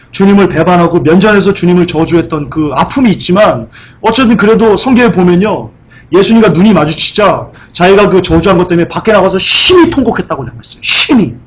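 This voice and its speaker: Male pastor, high-pitched voice, emphatic sermon, rhetorical questions, dramatic cries and hushed asides. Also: low-quality recording. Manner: acts out scenes with loud cries and dropped whispers.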